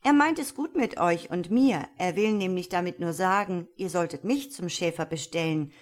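A woman reading a fairy tale aloud and voicing a clever, friendly little boy with a bright, lively manner. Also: fairly low pitch, moderate pace, close to an everyday voice.

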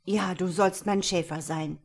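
A woman reading a fairy tale aloud and voicing a shepherd who complains loudly and gets angry fast. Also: fairly low pitch, steady tone, gravelly. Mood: upset. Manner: loud, aggrieved and quick-tempered. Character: upset grown man, a shepherd.

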